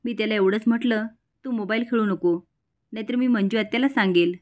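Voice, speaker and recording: A spiteful, jealous young woman, read aloud by a woman recapping a TV serial. The voice sits at a plain middle pitch and is read out simply rather than fully acted. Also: fairly even intonation, brisk, close to an everyday voice. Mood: indignant.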